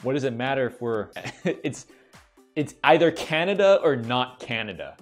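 A man's voice: mid-range voice, expressive, moderate pace, over music. A man streaming a fitness game at home, cursing and joking in casual commentary. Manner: profane, joking, exasperated. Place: home, second floor.

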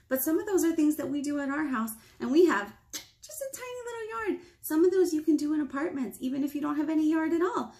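In a small indoor room at a library, a woman in her thirties runs storytime as the children's librarian, asking preschoolers questions and explaining things simply. She has a high, slightly mellow voice.

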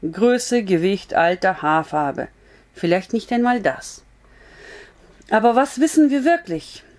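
A woman's voice: medium pitch, animated, takes it slowly, a little mellow. A woman reading a story aloud, voicing a frank, blunt but comforting young woman in an earnest, raised voice.

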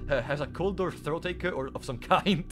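Streaming a game with music playing, a young man from Italy jokes around with his chat in casual commentary despite a sore throat. He speaks at a moderate pace in a fairly high voice.

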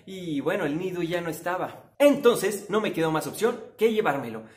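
High-voiced playful man. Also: animated, moderate pace. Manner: playful, chatty, jokey. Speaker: vlogger. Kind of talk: casual vlog talk to viewers. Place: at home during quarantine. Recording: echoey room.

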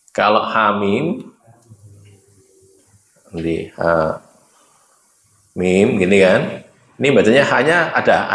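A man's voice: mid-range voice, a bit bright, echoey room. A man with a Javanese accent teaching Quran reading at a religious study, explaining patiently and chanting letters aloud. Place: mosque.

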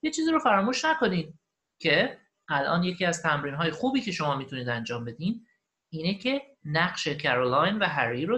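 A male English teacher records a screen-capture lesson, his voice rising and falling a great deal as he explains. He models each phrase slowly and carefully, then switches to quick, chatty explanation. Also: on the high side, sharp tone. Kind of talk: recorded online language lesson.

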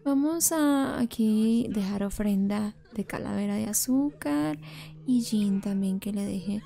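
Creaky-voiced woman narrating a life sim. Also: mid-range voice, slow pace, mellow. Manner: chatty, emotional, talks to viewers. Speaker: Sims let's-play creator. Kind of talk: casual gameplay commentary.

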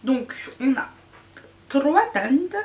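A woman's voice: high-pitched, lively intonation, extremely slow, a little mellow. A woman beauty vlogger giving a casual, candid makeup review, chatty and full of fillers and groaning exclamations. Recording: echoey room, faint noise.

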